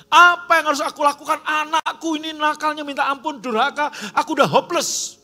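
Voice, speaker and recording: Brief: man acting out a desperate mother, high pleading voice. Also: fairly even intonation, fairly quick, sharp tone, exaggerated voice. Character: worried mother of an unruly teen, desperate.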